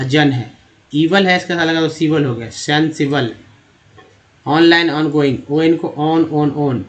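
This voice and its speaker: A man's voice: a little high, highs cut off. A man teaching English reading from slides. He spells out letters and sounds out word parts, and he repeats himself often. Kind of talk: slide-based lesson.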